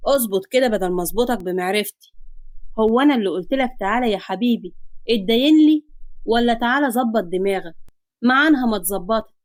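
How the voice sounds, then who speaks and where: A woman's voice: fairly high pitch, animated, no echo, natural voice. A woman voicing a taunting Egyptian psycho man. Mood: mocking menace. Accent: Egyptian Arabic. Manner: taunting, sarcastic, slow and threatening. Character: menacing self-styled psycho young man, mocking.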